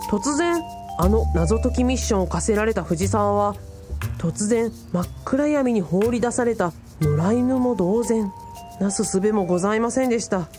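In a radio drama set over music, a woman with a mid-range voice plays an earnest young male part-timer, telling his tale unhurriedly with lively intonation. Her lightly acted delivery is pompous and very polite, in a formal, old-fashioned storytelling style.

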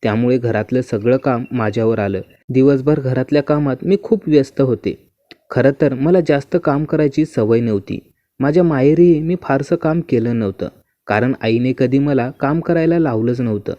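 A man reads a first-person story aloud in a smooth, even and unhurried manner. His voice is mellow and dark, at a medium pitch. The recording is dry and slightly muffled. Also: dry recording.

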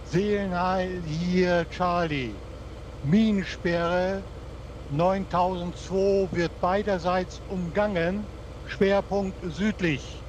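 A man's voice: high-pitched, steady tone, drawn-out words, a little hiss or hum, poor audio. A man giving terse, formal radio reports with call signs over a walkie-talkie, in clipped military radio procedure.

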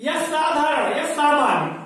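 A woman's voice: high-pitched, lively intonation, measured pace, fairly bright tone. Patient woman teacher in an echoey room. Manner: patient, spells words letter by letter, checks understanding often. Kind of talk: classroom lesson. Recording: echoey room, mic far off.

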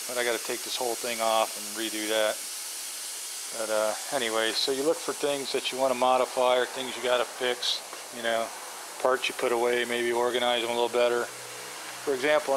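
A man's voice: mid-range voice, noisy background. A middle-aged man who runs a pressure washing business walks through his work trailer, talking in a rambling, practical way with lots of fillers. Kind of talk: casual how-to walkthrough. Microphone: handheld camera mic, filming while walking.

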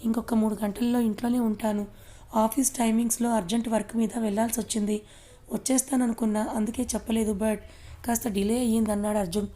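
A woman reading a calm young husband. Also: on the high side, fast, close to an everyday voice. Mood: reassuring.

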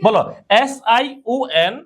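A woman's voice: unhurried, heavy background noise. A woman teacher giving a classroom pronunciation lesson, quizzing her students with repeated questions. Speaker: English teacher.

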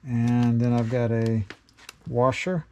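A man's voice: medium pitch, steady tone, takes it slowly, mellow, slight background noise. A middle-aged man explaining a homemade build in a casual workshop how-to, plainspoken with many fillers. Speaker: DIY maker showing a build. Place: cluttered home workshop.

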